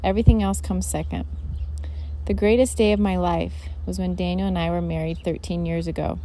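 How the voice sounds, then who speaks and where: A woman reading a prepared statement in a flat, monotone way. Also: lowish voice, a little fast. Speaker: interviewee giving a statement.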